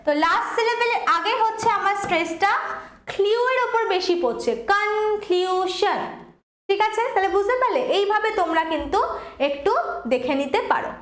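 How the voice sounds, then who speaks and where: A woman's voice: extremely high pitch, brisk, a bit bright, roomy sound. A woman teaching an online English lesson, patiently repeating points and checking that students follow.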